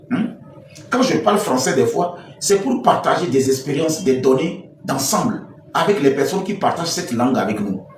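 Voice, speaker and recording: A man's voice: a little high, distant mic. Fiery Togolese man ranting live. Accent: Togolese French. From Togo. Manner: fiery, emphatic, switches into a local language. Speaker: activist streaming live. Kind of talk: impassioned live-stream rant. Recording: roomy, off-mic, faint background noise.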